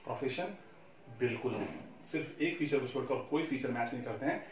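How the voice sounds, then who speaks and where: A man's voice: mid-range voice, a little fast, a little hiss or hum. A man with an Indian accent teaching commerce, lecturing with rhetorical questions and switching between Hindi and English. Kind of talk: classroom lecture. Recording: echoey room, faint ambience.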